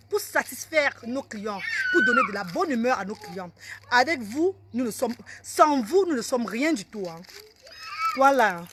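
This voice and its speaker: A woman, selling products on a casual live stream in loud sing-song sales calls with chatty asides to commenters. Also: high-pitched, a little hiss or hum. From Cameroon. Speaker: online seller on a live stream.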